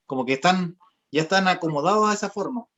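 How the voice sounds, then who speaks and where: A man's voice: sits high, expressive, fast talker, a bit bright. A young man, a voice therapist and singer, patiently explaining vocal exercises step by step in an online lesson. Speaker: voice therapist and singer giving a workshop. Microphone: video call. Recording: dull lo-fi video call audio.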